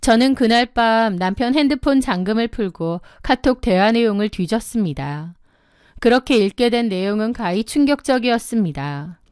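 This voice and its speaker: A woman in her thirties telling a first-person story in a measured, indignant way. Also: on the high side, expressive, darkish tone, clear, resonant tone, no room sound, clean studio sound. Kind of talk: scripted first-person narration.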